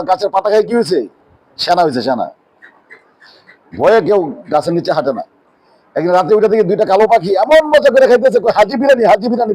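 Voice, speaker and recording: A man preaching a sermon in a mosque. He asks rhetorical questions and answers them himself, and drops his voice low on key words. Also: a little mellow, low-quality recording. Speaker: Islamic preacher.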